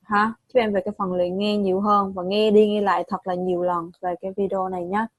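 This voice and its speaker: A woman's voice: medium pitch, little pitch movement, dry recording. Vietnamese-accented woman teacher, patient drills, dry close sound. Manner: patient, repeats and corrects, models English words slowly. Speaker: English pronunciation teacher. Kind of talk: online pronunciation lesson.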